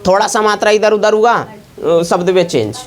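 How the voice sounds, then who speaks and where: A woman's voice: mid-range voice, moderate pace, crowd noise. Woman math teacher, classroom lesson, keeps asking the class questions. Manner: asks the class constant check questions. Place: classroom with students.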